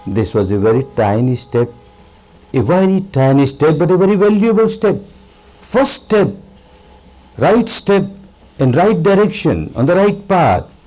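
A man giving a spiritual discourse as a meditation teacher, speaking deliberately with emphatic repetition and pauses. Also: on the high side, very animated, mellow, low-quality recording.

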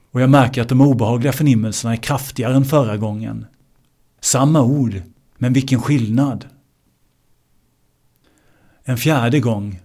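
A man teaching meditation in a slow, measured way, repeating key words for emphasis. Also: medium pitch, warm tone. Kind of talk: spiritual teaching talk.

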